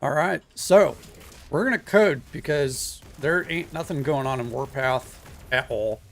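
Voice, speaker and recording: A man's voice: medium pitch, measured pace, creaky, background noise. A man streaming live, chatting in an easygoing, rambling way to his viewers while he works on a coding project, with lots of "uh"s and "um"s. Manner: easygoing and rambling, greets chat viewers, many fillers. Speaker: live streamer, software developer. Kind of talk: casual live-stream chat. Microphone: single desk microphone.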